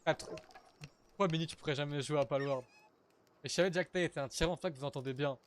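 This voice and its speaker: A man's voice: a little high, fast, slight background noise. A young man streaming a survival game, chatting casually with his viewers and swearing now and then as he plays. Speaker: gaming streamer. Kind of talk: casual live gameplay commentary.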